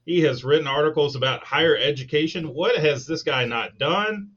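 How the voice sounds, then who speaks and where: A man's voice: a little high, moderate pace, fairly bright tone, slightly rough, dull audio. A man co-hosting a podcast, introducing a guest in a friendly, chatty way. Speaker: podcast co-host. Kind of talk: casual podcast chat.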